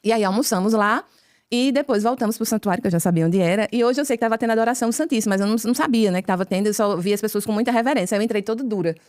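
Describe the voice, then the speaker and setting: A woman with a Brazilian Portuguese accent, a podcast guest telling her conversion story as a lively storyteller who acts out each exchange of dialogue. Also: medium pitch, very fast, no room sound, studio quality. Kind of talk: conversion testimony told as a story.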